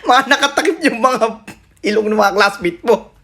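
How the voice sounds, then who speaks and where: A woman's voice: a little high, animated, normal speed, a bit bright, voice pushed down. A woman in a comedy clip, telling a school story while laughing. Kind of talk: comic storytelling.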